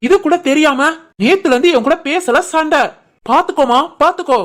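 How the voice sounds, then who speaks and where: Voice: high-pitched, normal speed. A voice artist playing an eager, lovestruck young office worker in a cartoon, with a southern Tamil Nadu dialect. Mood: doting. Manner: pleading, doting, excitable. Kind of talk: cartoon voice acting.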